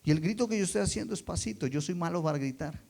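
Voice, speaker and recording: Guy preaching a sermon, kinda high voice, goes soft then loud, lots of questions to the crowd. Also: fast talker, creaky. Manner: expressive, swings between soft and loud for emphasis; asks the congregation rhetorical questions.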